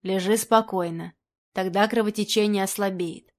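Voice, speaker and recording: A woman's voice: mid-range voice, steady tone, moderate pace, a little mellow, natural voice. A woman voicing a kindly male artist, anxious and caring. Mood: worried.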